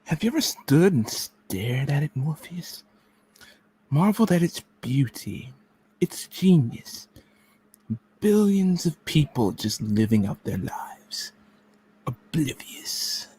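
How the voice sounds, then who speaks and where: A man playing a cold, contemptuous machine agent in a radio play reading, speaking deliberately with menace and dropping into whispers. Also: on the high side, big pitch swings, dark tone, breathy edge, exaggerated voice, rough recording. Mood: musing, menacing.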